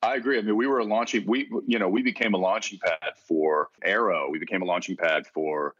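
A man from Texas, an actor being interviewed, talking in a relaxed, rambling way with frequent restarts. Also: deep voice, fairly quick, no echo, lo-fi sound. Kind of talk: casual interview conversation.

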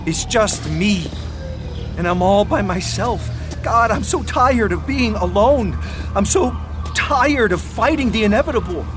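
A man playing a lonely, bitter outcast in an audio drama, emotional and halting as he pleads. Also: high voice, expressive, music in the background. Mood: despairing. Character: lonely, bitter male outcast betraying his old friend.

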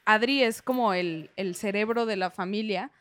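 A woman's voice: medium pitch, normal speed, dry recording. A woman with a Mexican accent hosting a casual podcast chat, self-mocking and playful. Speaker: podcast host.

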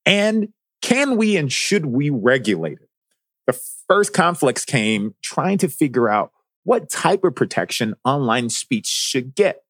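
A man's voice: medium pitch, sing-song, a little slow, fairly bright tone, no echo, studio quality. A man narrating a scripted podcast as its host. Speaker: guest host.

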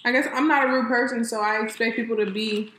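A woman from California chats casually, laughing easily and speaking straight to her viewers. Her voice sits a little high. The room is echoey, with a faint hum of ambience behind her. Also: steady tone, fast talker, fairly bright tone. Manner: chatty, laughs easily, addresses viewers as y'all. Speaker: co-host. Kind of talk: casual chat.

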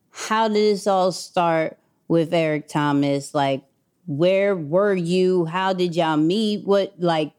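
Female podcast co-host, slow unhurried questions, relaxed. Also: fairly low pitch, clear, resonant tone. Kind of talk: casual interview.

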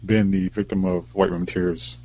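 A man in casual discussion, arguing his points in a measured, deliberate way. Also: low voice, level tone, a little hiss or hum. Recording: dry, dull lo-fi recording.

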